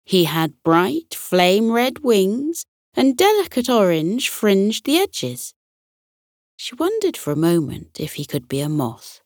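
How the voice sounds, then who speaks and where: A woman narrating a bedtime story for children in a soothing, gentle way. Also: mid-range voice, very animated, takes it slowly, dry recording, clean studio sound.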